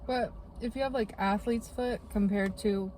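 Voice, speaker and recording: In casual podcast chat, a young woman co-host rambles through her stories with plenty of fillers. Her mid-range voice is a little mellow, with fairly even intonation and a moderate pace. There's slight background noise.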